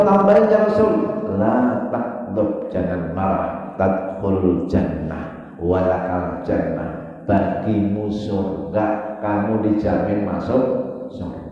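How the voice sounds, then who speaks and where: A man's voice: sits low, warm tone. Male preacher in an echoey mosque hall. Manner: chants Arabic verses, then explains in casual talk with jokes. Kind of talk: dawn mosque sermon. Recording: distant, echoey, dull mosque PA recording.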